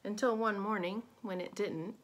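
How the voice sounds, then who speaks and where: A woman narrates a children's picture book aloud in an expressive, lively storytelling way. She stops now and then to ask her young listeners questions. A faint hiss sits under her voice. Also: medium pitch, moderate pace.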